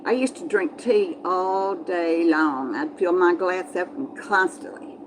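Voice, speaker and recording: A woman hosting a livestream chats with her viewers in an unhurried, fairly low voice, her Texas Southern accent colouring folksy, rambling talk that circles back on itself often. She comes from Texas in the southern United States. Background noise can be heard.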